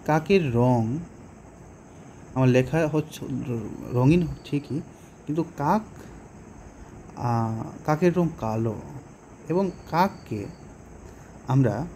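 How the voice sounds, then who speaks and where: Bengali-accented male teacher, unhurried delivery, soft mellow tone, faint background hiss. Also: mid-range voice, expressive. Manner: explains slowly, with hesitations and rhetorical questions. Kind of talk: poetry lesson explanation.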